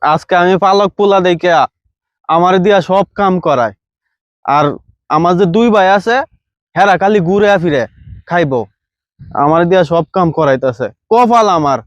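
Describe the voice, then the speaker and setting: A man's voice: high voice, moderate pace, pauses often, no room sound, natural voice. A man playing a self-pitying adopted son. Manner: lamenting to himself. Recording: dull lo-fi recording.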